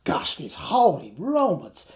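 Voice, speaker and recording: An actor, a man from Ireland or Canada with an Irish accent, gives a theatrical live reading of a novel. His high-pitched voice moves slowly as he declaims animatedly, playing with the wordplay and swinging between hushed and loud delivery.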